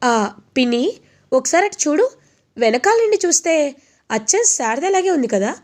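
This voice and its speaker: A woman's voice: high voice, very animated, moderate pace, voice pushed up. A woman reading the lines of a suspicious, scheming woman. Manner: suspicious, hushed.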